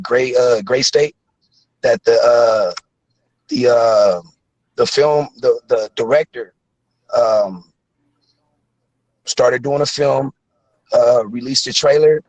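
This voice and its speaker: A man's voice: medium pitch, no room sound, poor audio. A man in his thirties talks earnestly, circling back on himself with plenty of fillers. His voice sits in an ordinary middle register, recorded dry and close with almost no room sound. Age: 30s. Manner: earnest, rambling with many fillers. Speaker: caller. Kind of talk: casual call-in chat.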